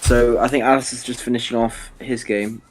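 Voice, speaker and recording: A young man calmly explaining chess openings while commentating a stream. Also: medium pitch, slight background noise. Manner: explanatory, measured.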